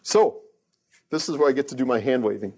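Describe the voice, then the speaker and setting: A man's voice: medium pitch, fairly quick, noisy background. Joking, casual male tech lecturer. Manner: casual, joking asides, frequent restarts. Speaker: research engineer giving a lecture. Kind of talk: technical lecture.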